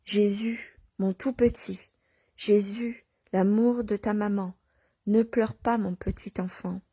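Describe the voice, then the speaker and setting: A gentle young mother murmurs to her newborn in a soft, half-whispered voice, as a woman reads her lines aloud. The sound is close and dry, with no room around it. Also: medium pitch, fairly even intonation, slow pace, slightly rough, dry recording. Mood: tender, hushed. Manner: soft, hushed, partly whispered.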